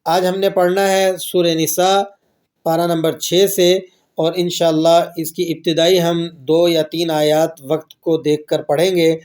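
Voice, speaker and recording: A man teaching a tajweed lesson, explaining rules plainly and then reciting verses slowly and drawn out. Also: a little high, level tone, a little mellow.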